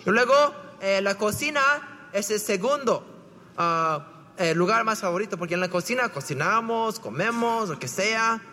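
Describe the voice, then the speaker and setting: High, bright-voiced priest in an echoing hall. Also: male voice, expressive, normal speed, slight background noise. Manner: conversational, asks rhetorical questions, frequent "¿verdad?". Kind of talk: homily.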